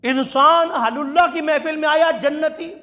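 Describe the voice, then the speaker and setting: A man preaching a sermon at a religious conference in a mosque, telling stories with passion and chanting quotations slowly. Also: very high-pitched, fairly even intonation, sharp tone. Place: large mosque. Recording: long hall reverb.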